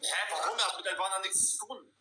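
A young man hosts a livestream over a phone video call, his high voice fast, pushed, and bright. He uses casual slang and repeats himself for emphasis. The audio has a roomy echo and faint noise.

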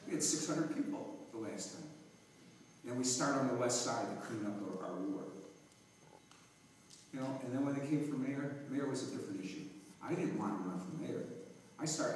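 A man's voice: medium pitch, darkish tone, slight background noise. A man, a sitting alderman, answering a debate question in a conversational, storytelling way. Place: large hall with stage. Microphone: far phone camera. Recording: echoey hall from far off.

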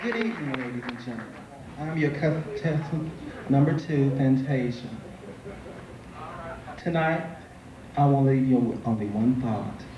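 A man's voice: mid-range voice, measured pace, long pauses. A man introducing himself on stage as a pageant contestant. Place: theatre stage, indoors. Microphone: handheld stage mic, filmed from audience. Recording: dull, noisy, echoey hall sound.

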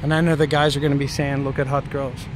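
A man of medium pitch talks fast and flatly while filming himself on a city walk. He's a travel vlogger and native English speaker whose casual, rambling commentary leans on frequent "right?" questions. Outdoor traffic and street sounds are audible throughout.

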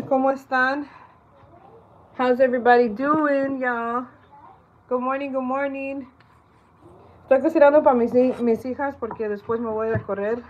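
A woman's voice: high voice, fairly even intonation, unhurried, long pauses, darkish tone. Woman host, casual cooking livestream, self-deprecating chatter, a little nervous; phone on a tripod, somewhat muffled audio with light background noise. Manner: chatty, self-deprecating, greets viewers by name. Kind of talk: casual live chat while cooking. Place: home kitchen.

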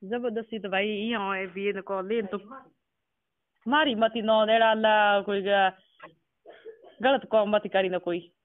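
A Rajasthani-accented man talks in a high, smooth, steady voice, taking things slowly with long pauses. It's a casual telephone conversation, tinny and narrow in sound, where he asks questions and repeats words back.

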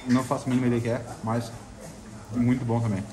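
Fast and level in tone, a medium-pitched man with a southern Brazilian accent chats through his food vlog in a restaurant. He's a travel vlogger from Santa Catarina who tastes food and often repeats himself, with busy restaurant chatter and background noise behind.

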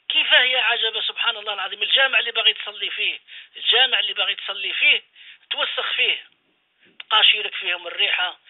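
A man, an imam, preaching a radio sermon, exhorting his listeners with repeated phrases and rhetorical questions. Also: high-pitched. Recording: phone-line radio call-in.

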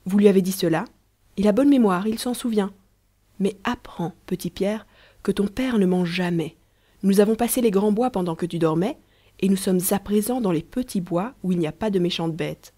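A woman reading a gentle, sly young peasant girl. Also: mid-range voice, normal speed, close to an everyday voice. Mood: reassuring. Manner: soothing, patient with a child.

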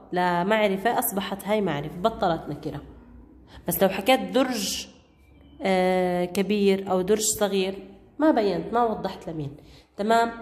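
A woman's voice: mid-range voice, a little mellow. A woman teacher with a Levantine Arabic accent who gives a patient grammar lesson, repeating key points and checking that the class understands. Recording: echoey room, long reverb.

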